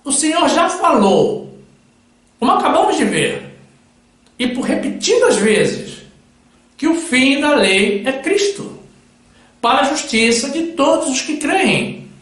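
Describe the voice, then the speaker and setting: High-voiced male preacher, solemn slow sermon, lively pitch, very echoey room. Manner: solemn, addresses listeners as brothers. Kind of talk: sermon with Bible readings.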